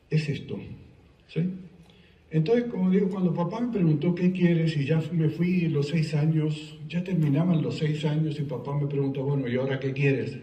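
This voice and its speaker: Captured from afar in an echoey event hall, an Argentine speaker shares personal anecdotes with a live audience in a conversational style, trading jokes with them. His voice is on the high side with a dark tone, and he speaks with an Argentine Spanish accent.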